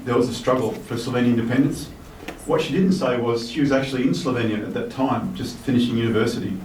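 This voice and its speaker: Recorded from far off in a reverberant hotel reception hall with faint noise, an Australian guy in his 50s gives a speech at mid pitch. He's a guest speaker reading a minister's message, relaxed and using "um" fillers, blending the formal text with personal comments.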